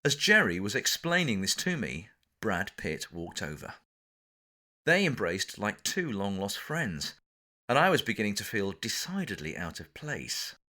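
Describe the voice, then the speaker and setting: Unhurried yet very animated, this man speaks in a fairly low voice with a sharp tone and an English accent. He reads an anecdote from his own memoir as audiobook narration, with theatrical, dramatic emphasis.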